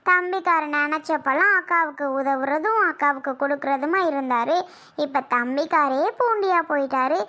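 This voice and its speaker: A woman playing a sharp-tongued aunt by marriage in a family drama skit, talking in an accusing, sarcastic way. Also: high voice, normal speed. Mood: scornful.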